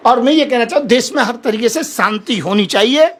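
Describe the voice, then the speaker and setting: Brief: male holy man as debate guest, husky high voice, passionate and pleading, repeats his points. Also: brisk. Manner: impassioned, pleading, repeats himself. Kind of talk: heated televised debate.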